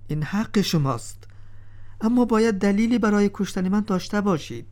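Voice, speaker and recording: A man's voice: high voice, animated, darkish tone. A man voicing a clever, composed slave pleading his case before a king in a told story. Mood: calm, reasoning. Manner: composed, cool-headed pleading. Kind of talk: storybook drama reading.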